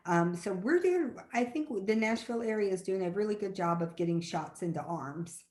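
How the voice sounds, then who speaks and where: A woman's voice: medium pitch, lively intonation, normal speed, darkish tone. A woman presenting data informally on a webinar as a staff moderator. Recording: echoey room sound.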